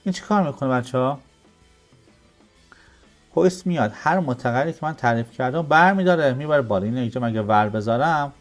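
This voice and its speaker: A man's voice: mid-range voice, animated, soft background music. A man teaching programming in a coding tutorial, explaining step by step and answering his own questions. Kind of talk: screen-recorded coding tutorial.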